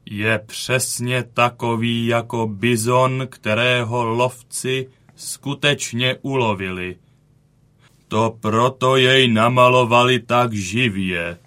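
A man voicing a wounded old male bison from a cave painting in a children's audio story. He speaks slowly, with weary dignity. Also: lowish voice, steady tone, sharp tone. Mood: weary, proud. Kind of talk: audiobook character reading.

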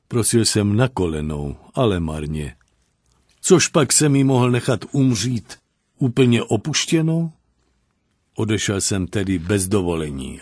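A man's voice: fairly low pitch, a little mellow, dry recording, studio quality. A man voicing a giant male deserter soldier, grieving and plain-spoken, telling his story in an earnest, sorrowful way.

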